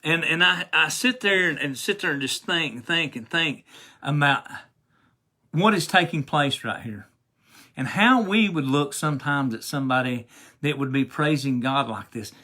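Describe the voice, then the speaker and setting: A man's voice: on the high side, moderate pace, bright, forceful tone. A man who has preached for many years, giving a rambling, earnest devotional talk with lots of restarts and reading scripture aloud. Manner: earnest and emotional. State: recovering after hospital stay.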